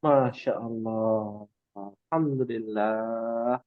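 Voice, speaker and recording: A man teaching an Arabic class over a video call, giving encouraging feedback with drawn-out affirmations. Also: mid-range voice, fairly even intonation, no echo, phone-quality sound.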